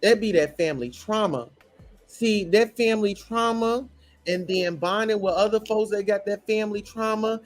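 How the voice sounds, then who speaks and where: A man's voice: high-pitched, normal speed, faint music behind. A man ranting in a blunt, profane, preachy commentary reacting to a show.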